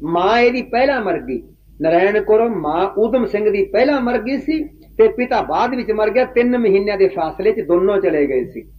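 A man's voice: high-pitched, lively intonation, moderate pace. A man voicing a grieving middle-aged Sikh uncle who pleads earnestly and from the heart. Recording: dull lo-fi recording.

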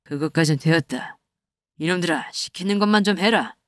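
A woman's voice: fairly low pitch, normal speed, no echo, studio quality, voice pushed down, lightly acted. A woman voicing a boastful male bandit chief who gives orders in old-fashioned speech, in a comic animation. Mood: exasperated. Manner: commanding, archaic speech.

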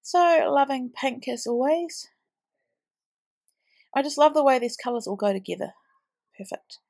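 A woman in her thirties, heavily pregnant and tired, narrates her scrapbooking in a casual craft voice-over, her nose blocked and snuffly from a cold. Her voice is high and a little mellow with some creak, and she speaks unhurriedly with lively intonation. As a scrapbooking vlogger, she chats and rambles, dropping plenty of ums.

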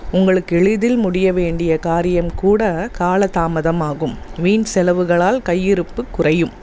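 Steady, formal horoscope reader. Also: mid-range voice, unhurried, a little hiss or hum. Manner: steady, formal, evenly paced recitation. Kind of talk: scripted daily horoscope reading.

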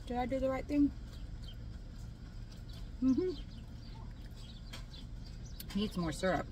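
A woman's voice: high-pitched, expressive, slow pace, warm tone. Woman mumbling with her mouth full. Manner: savoring, murmuring to herself. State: mouth full while chewing. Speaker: mukbang vlogger. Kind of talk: casual eating vlog chat. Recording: distant mic with outdoor noise.

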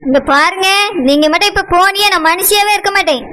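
A woman's voice: extremely high pitch, quick pace, sharp tone, rough recording. A woman voicing a domineering middle-aged village mother in a cartoon, scolding and insistent, with a Tirunelveli Tamil accent. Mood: stern, bossy. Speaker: mother of Anu. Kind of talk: cartoon voice acting.

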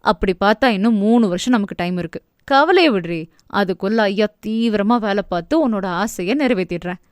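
A woman voicing a tender young husband in an audio novel, speaking softly and soothingly in a lowered voice. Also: normal speed, clear, resonant tone, no room sound, clean studio sound, natural voice. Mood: gentle. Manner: soft, low and soothing.

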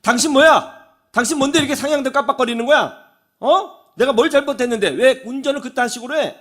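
A pastor voicing a furious, touchy middle-aged woman driver who shouts in indignation. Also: very animated, normal speed, slightly rough, heavily acted. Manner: shouting, indignant, high-pitched.

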